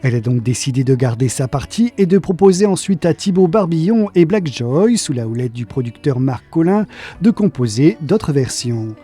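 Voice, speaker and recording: A man reading a scripted voice-over narration in a smooth, even way, over soft music. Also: a little high, moderate pace. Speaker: narrator of the segment.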